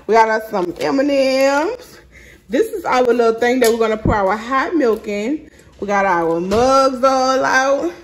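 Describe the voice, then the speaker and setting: A woman vlogger with a hoarse voice, chatting casually and directly to her viewers from her kitchen at home. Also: on the high side, a little slow. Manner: chatty, slangy, talks straight to her audience. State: hoarse from illness. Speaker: vlogger host. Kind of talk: casual vlog chat to viewers.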